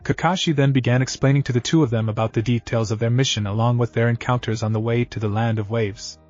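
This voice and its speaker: A man reading fan fiction aloud in a steady, even narration. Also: medium pitch. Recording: slightly dull audio with faint music.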